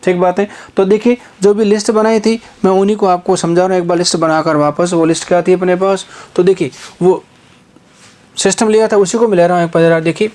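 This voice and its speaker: Male teacher, exam-prep phonetics lesson, repetitive rhetorical questions, drawn-out example sounds. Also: high-pitched, steady tone, darkish tone.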